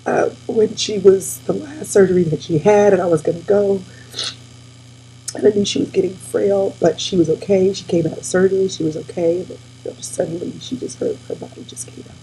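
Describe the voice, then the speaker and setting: A woman in her forties talking casually and warmly to her viewers, tearful and near crying, calling them y'all. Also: medium pitch, a little hiss or hum, low-quality recording. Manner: tearful, addresses audience as y'all. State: weepy, near tears. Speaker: host. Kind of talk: casual heartfelt talk to viewers.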